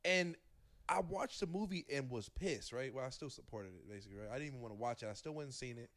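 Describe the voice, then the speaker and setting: A man's voice: medium pitch, lively intonation, fast talker, fairly bright tone, dry recording. A young man in casual podcast chat, impassioned and rambling, restarting his sentences as he argues. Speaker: podcast co-host or guest.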